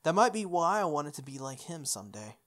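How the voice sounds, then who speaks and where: A host voices a visual novel in a medium-pitched, sing-song, slightly bright voice, moving a little fast. They read playfully over game music, breaking in with offhand remarks on the script.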